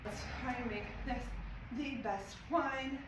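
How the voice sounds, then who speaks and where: A young woman, a vlogger and former weightlifter, speaks slowly in a high, fairly even voice that sounds slightly nasal and congested. Between sets in her home garage, a bit winded, she offers casual lifting tips for her training vlog. The camera sits away from her, so the sound is distant, echoey and noisy.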